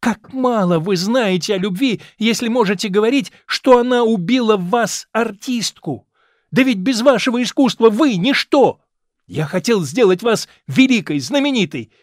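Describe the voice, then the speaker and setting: A man's voice: high-pitched, expressive, normal speed, no room sound, clean studio sound, voice pushed up. A man voicing a scornful, furious young man. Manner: loud, indignant declaiming.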